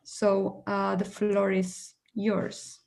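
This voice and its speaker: A woman's voice: medium pitch, monotone, drawn-out words, vocal fry, darkish tone. A woman coordinating and hosting a webinar over a video call, speaking in a friendly way with frequent fillers.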